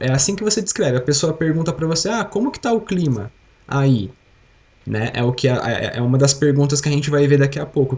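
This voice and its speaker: A man's voice: mid-range voice, a little mellow. A young Brazilian man with a Brazilian Portuguese accent, teaching an English lesson on a live stream and having the class repeat words after him. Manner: explains patiently, drills words and asks the class to repeat.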